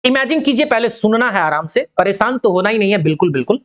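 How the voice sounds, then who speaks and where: A woman's voice: mid-range voice, animated, fast. A woman teaching physics in an online lesson. She asks the class rhetorical questions, keeps checking that they follow, and calls them by fond names. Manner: addresses students affectionately.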